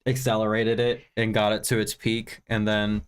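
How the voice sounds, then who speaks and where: Lowish and smooth, his voice shows little pitch movement and moves at a normal speed. He's a tired American film review livestreamer from Virginia recovering from sinus congestion, chatting casually in a rambling, open, self-mocking manner with a few swear words.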